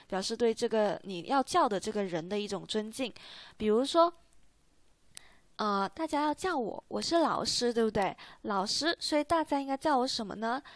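Female teacher, slightly high voice, dry close sound, patient and repetitive. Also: no room sound. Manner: patient, repetitive, asks "right?" often. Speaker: Korean language teacher. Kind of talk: online language lesson.

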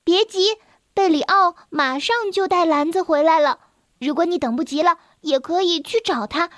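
A curious, kind young hen chick from a children's storybook, voiced by a woman. She talks high and soothingly. The sound is dry and close. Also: normal speed, a bit bright, no room sound.

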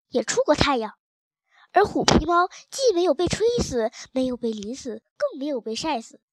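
A woman narrating a children's story in the first person, as a cat, with a lively, expressive reading. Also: high voice, dry recording.

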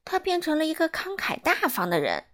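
Lively woman reading a children's story. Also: high voice, a little fast. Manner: lively, playful, asks listeners.

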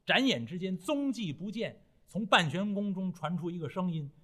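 A man telling a traditional Chinese story in a dramatic, rhythmic, expressive way. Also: high-pitched, moderate pace.

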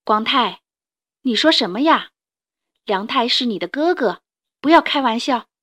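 A woman reading a storybook and voicing a gentle, loving mother dinosaur who speaks tender and soft. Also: a little high, lively intonation, unhurried. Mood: stern.

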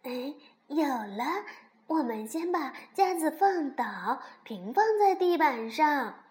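A woman voicing a sensible young rabbit in a storybook who is quick to get annoyed. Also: high voice, very animated, a little mellow, exaggerated voice. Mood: calm.

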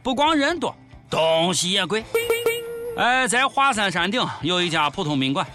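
A man's voice: high-pitched, sing-song, moderate pace, loud music behind the voice. A man with a Shaanxi accent hosting a comedy show, delivering scripted commentary in an exaggerated, sarcastic way.

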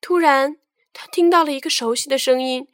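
A woman narrating a children's story with a gentle, expressive reading. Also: high-pitched, moderate pace, dry recording, clean studio sound.

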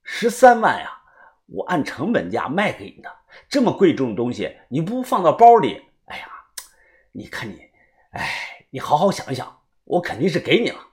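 A man voicing a middle-aged jade shop owner who scolds in a hurried, fretful way. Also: on the high side, huge pitch swings, a little mellow. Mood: scolding.

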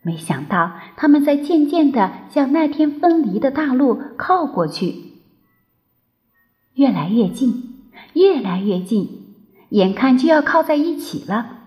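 A woman reading a children's story aloud in an expressive, sing-song storytelling manner. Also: high-pitched, measured pace. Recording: dull lo-fi recording.

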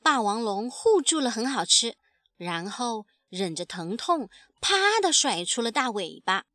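A woman reads a picture book aloud in a high, lively voice, acting out the sound effects as she goes. Her tone is bright and her pace is slow and careful. The recording is close and dry. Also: dry recording. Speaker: storyteller. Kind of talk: expressive picture-book reading.

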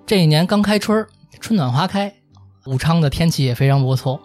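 Male storyteller-host, Beijing accent, voice a bit high, colloquial delivery with acted-out dialogue. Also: animated, a little fast, darkish tone, faint music behind. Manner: acts out characters' dialogue as he narrates. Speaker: host telling a history story. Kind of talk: casual, colloquial storytelling with banter.

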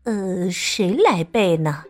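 一位女士扮演一位困惑的男老师，压低声音自言自语，语速很慢。. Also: female voice, expressive, slow. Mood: puzzled. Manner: low, hushed, bewildered muttering. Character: puzzled male schoolteacher, muttering to himself.

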